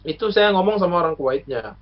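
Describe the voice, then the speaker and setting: A fast-talking man with an expressive, high-leaning voice explains things in a relaxed chat. He's an alumnus from Lombok, Indonesia, appearing as a guest, patient and lecturing, with lots of hesitation and examples, all on a muffled lo-fi recording.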